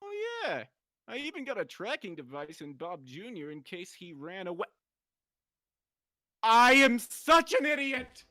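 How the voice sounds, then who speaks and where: A man playing an excitable, vain, dim-witted Luigi in an amateur comedy story, rambling and exclaiming in a hammy way. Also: high-pitched, measured pace, dry recording, clean studio sound, exaggerated voice. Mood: exasperated.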